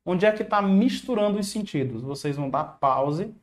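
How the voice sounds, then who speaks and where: A man's voice: sits high, animated, normal speed. A man with a Brazilian accent teaching grammar in an online video lesson, casual and encouraging with slang. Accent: Brazilian Portuguese. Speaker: exam prep teacher.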